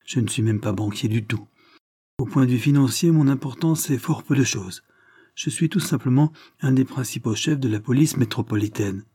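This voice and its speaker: A man reading the part of a shrewd, authoritative police chief in an audiobook, measured and explanatory. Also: mid-range voice, warm tone, breathy edge, dry recording, clean studio sound, natural voice. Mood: firm.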